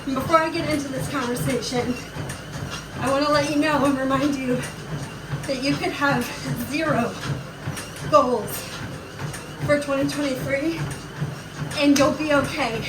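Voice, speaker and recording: This woman's high voice has fairly even intonation, a moderate pace and long pauses as she jogs on a treadmill and offers casual, encouraging, reassuring workout talk to viewers. The mic is distant and the room roomy, with loud machine noise.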